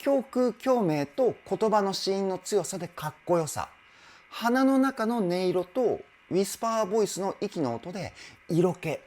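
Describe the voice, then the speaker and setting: A vocal coach reacting to a live performance, excitedly admiring it and then explaining singing technique step by step. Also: medium pitch, unhurried. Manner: enthusiastic, exclaims in admiration between explanations. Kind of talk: reaction video with vocal analysis. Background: faint music from the video being reviewed.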